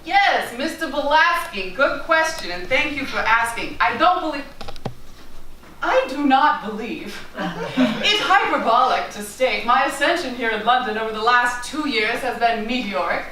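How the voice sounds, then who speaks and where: A woman's voice: a little high, animated, unhurried, sharp tone. A woman playing a boastful, vain male escape artist, speechifying in a grandiose, self-important way in a stage monologue. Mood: pompous. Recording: echoey distant stage recording, noisy.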